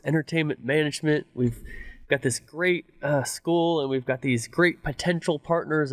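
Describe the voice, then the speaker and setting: A man's voice: a little high, no room sound. A man hosting a podcast interview, talking in a friendly, conversational way. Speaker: podcast host.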